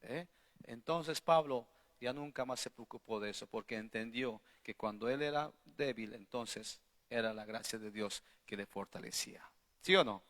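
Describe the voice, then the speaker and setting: A male pastor preaching a sermon, emphatic, peppering the congregation with questions and swinging between loud bursts and quiet asides. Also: mid-range voice, normal speed. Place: church hall. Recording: long hall reverb.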